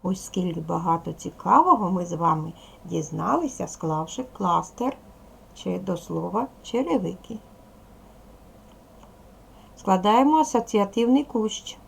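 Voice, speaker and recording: A woman teaching a video language lesson to young children, patient and slow, asking questions and waiting for answers. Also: lowish voice, expressive, gravelly, breathy edge. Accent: Ukrainian. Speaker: primary school teacher.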